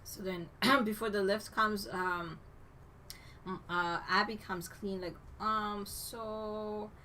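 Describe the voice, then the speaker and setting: A woman with a middle-pitched voice tells a movie's story in an easygoing podcast chat. She links each event with "and then" and sometimes acts out characters' lines. Faint background noise runs under her voice. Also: fairly even intonation, takes it slowly, pushed and bright. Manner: chatty storytelling, strings clauses with "and then". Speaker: podcast co-host. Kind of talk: casual movie recap chat.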